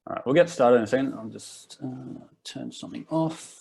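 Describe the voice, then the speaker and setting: A man's voice: medium pitch, moderate pace, creaky, a little mellow, slight background noise. A young Australian man in his twenties hosting a live workshop in a laid-back, rambling way, often restarting his sentences. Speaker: workshop host. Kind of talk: casual live workshop talk.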